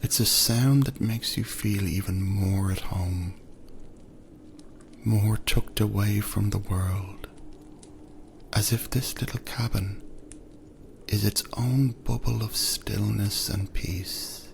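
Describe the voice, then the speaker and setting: A man narrating a second-person sleep story in a soft, soothing voice that often drifts into whispers. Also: on the low side, fairly even intonation, slow, vocal fry, slight background noise.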